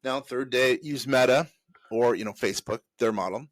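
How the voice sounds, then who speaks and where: A man's voice: medium pitch, normal speed, no echo. A man hosting a casual talk show, giving advice to entrepreneurs in a loose, rambling way with restarts and fillers. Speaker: host.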